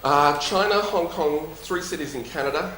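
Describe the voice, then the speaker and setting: Fielding audience questions after presenting, a male company executive with a lisp speaks in a jovial, emphatic way with dry humor. His voice is on the high side, bright and forceful, at a moderate pace. The recording has a roomy echo and slight background noise.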